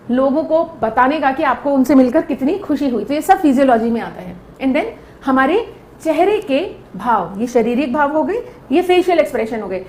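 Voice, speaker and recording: A woman's voice: sits high, a little mellow, reverberant, a little hiss or hum. A woman giving a lecture, explaining step by step and often checking in with her listeners. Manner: explaining with repeated check-ins. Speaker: teacher.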